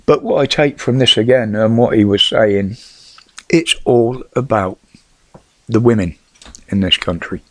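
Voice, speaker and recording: Middle-aged British male, lowish voice, whistling sibilants, dry sound, blunt and sweary off-the-cuff commentator. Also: a little slow, pauses often, dry recording. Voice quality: whistling s from false teeth. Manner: blunt, sweary, rhetorical questions. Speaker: vlogger giving news opinions. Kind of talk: casual opinionated news commentary.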